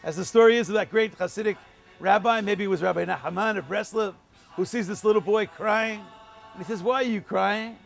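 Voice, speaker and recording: A man's voice: high voice, brisk, gravelly, soft background music. A man, a rabbi, giving a holiday video message outdoors in a city, teaching through stories and Hebrew quotations.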